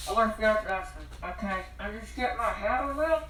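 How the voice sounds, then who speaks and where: Her mid-range voice, a bit bright and a little fast, comes with some hiss or hum. She's vlogging casually at home into her phone through a cardboard tube, rambling along and closing nearly each sentence with a questioning "okay?".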